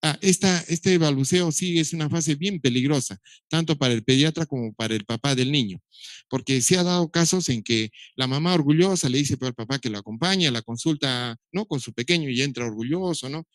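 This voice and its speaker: Man, middle-aged, lecturer, explanatory, dry humor, slightly high voice, dry recording. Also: a little fast, no room sound. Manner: explanatory, imitates baby sounds, dry humor. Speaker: doctor lecturing on child development.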